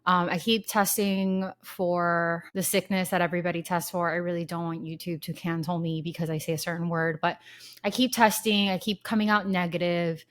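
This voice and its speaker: Sounding congested from a lingering cold, a woman in her thirties hosts her own solo podcast, talking candidly and casually with rambling asides. Her lowish voice is delivered flatly at a moderate pace.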